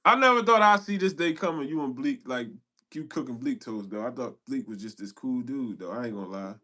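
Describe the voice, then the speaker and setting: A man's voice: mid-range voice, lively intonation, brisk, sharp tone. A man hosting a casual podcast chat who asks teasing, prodding questions in street slang.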